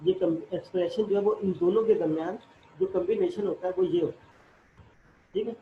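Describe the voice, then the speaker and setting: A man's voice: sits high, fairly quick. A man teaching a math class, explaining step by step and asking and answering his own questions. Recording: echoey room, dull lo-fi audio, faint noise.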